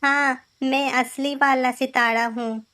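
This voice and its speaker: A woman's voice: steady tone, slow pace, pushed and bright, faint music behind, full character voice. A woman voicing a lost young star fallen from the sky in a children's cartoon, in a raised, wondering voice. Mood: pleading. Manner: higher put-on voice, wondering.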